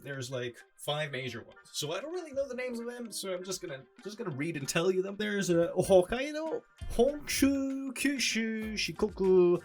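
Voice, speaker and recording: A man from France with a French accent, talking English in a casual, rambling, sarcastic vlog style full of "like" fillers. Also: medium pitch. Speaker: vlogger. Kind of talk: casual chatty explainer.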